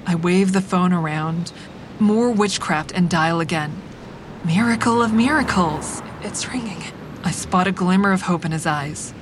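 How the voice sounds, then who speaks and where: Over the steady drone of a vehicle, an actress tells her story in first person, playing a grieving woman who quietly deceives. She sounds natural, measured and inward-looking, with a guarded mood.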